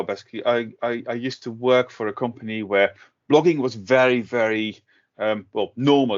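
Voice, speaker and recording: A middle-aged man from the Netherlands, talking casually in an interview with many fillers and restarts. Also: medium pitch. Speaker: guest, tech blogger. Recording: dull lo-fi audio.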